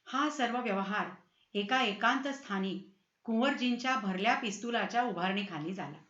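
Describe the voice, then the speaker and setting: A woman narrating an old novel in an expressive storytelling manner. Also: medium pitch, moderate pace, echoey room, muffled recording. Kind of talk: audiobook narration.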